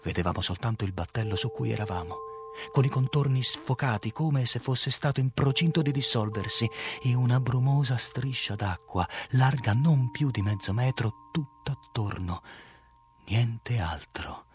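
A man's voice: medium pitch, normal speed, faint music behind. A man narrating a literary audiobook, reading with drama and swelling on the tense passages.

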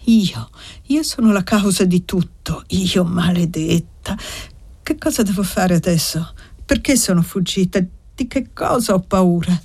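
A woman's voice: lowish voice, unhurried, darkish tone, breathy edge. A woman voicing a desperate, resolute young woman in an audiobook, speaking with anguished urgency.

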